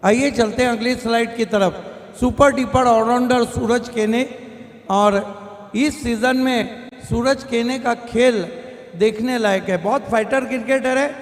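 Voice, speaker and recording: A man with a very high-pitched voice presents at a live auction. He speaks as the host, introducing and commenting, with strong echo and a long hall reverb around his voice. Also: fairly even intonation, a little slow. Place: large echoing room at a live event.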